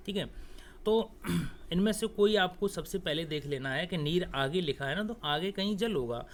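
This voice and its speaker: Male teacher with a fairly high voice, coaching students through exam grammar in a direct, coaxing way. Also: a little hiss or hum. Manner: explains step by step, often adds "theek hai"; talks straight to students, coaxing. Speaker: Hindi teacher. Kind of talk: exam-prep grammar lesson.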